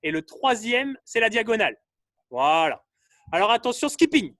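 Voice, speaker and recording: A man coaching a live online fitness class, calling out drills and colors in short bursts and urging everyone to go faster. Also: high-pitched, big pitch swings, pushed and bright, dry recording, clean studio sound.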